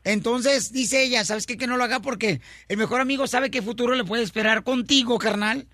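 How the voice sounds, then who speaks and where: A man hosts a comic radio show with a very high, bright voice. He jokes loudly in slang. The studio sound is dry and close. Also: brisk, no room sound. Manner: loud, playful, slangy joking. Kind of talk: comic morning radio banter. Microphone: studio microphone.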